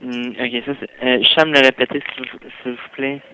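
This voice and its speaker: Over a phone line full of noticeable noise and clicks, a hotel reservation clerk with a Quebec French accent handles a customer service call. His voice is medium-pitched and flat, his pace normal, and his manner polite and businesslike.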